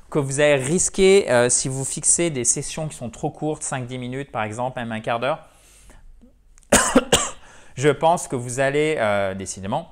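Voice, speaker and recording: A man teaching English in French, explaining step by step and slowing down to stress model English phrases. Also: medium pitch. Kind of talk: French-language English lesson.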